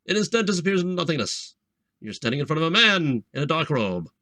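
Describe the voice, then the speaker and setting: A man with a slightly high, forceful voice plays through a fantasy text game. He moves between dramatic reading and loose banter, with very animated intonation. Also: fast, no echo, studio quality. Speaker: game player narrating. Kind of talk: casual chat and dramatic game narration.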